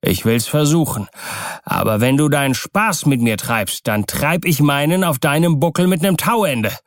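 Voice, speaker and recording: A man's voice: on the high side, moderate pace, dry recording, clean studio sound, voice pushed up, close to an everyday voice. A man voicing a drunk, defiant sailor who bellows and taunts. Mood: threatening. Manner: rowdy, bellowing, slurred. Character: drunk, defiant male sailor, coarse and boastful.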